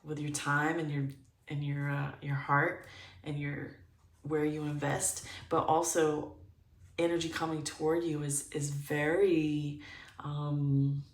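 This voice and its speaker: Lady doing a tarot reading, low voice, thinks out loud, roomy sound a bit off mic. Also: level tone, slow, distant mic. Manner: thinking aloud, searching for words, upbeat. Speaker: tarot reader. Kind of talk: pick-a-card tarot reading.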